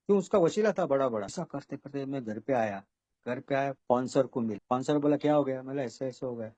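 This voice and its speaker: A man's voice: mid-range voice, fast, a little mellow, dry recording. A man sharing his recovery story at an online meeting. He talks in a rambling way and keeps repeating "bola" and "doston". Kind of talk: personal recovery testimony.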